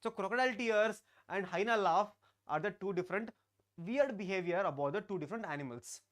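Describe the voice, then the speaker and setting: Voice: mid-range voice, a little fast, fairly bright tone. A teacher, giving a live online class and often repeating phrases while talking to students in the chat. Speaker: English teacher.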